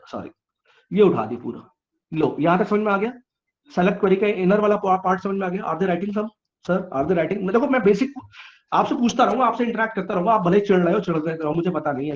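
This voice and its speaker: A man tutoring a live online class, asking questions and answering them himself, teasing students to reply quickly. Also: sits high, dull audio.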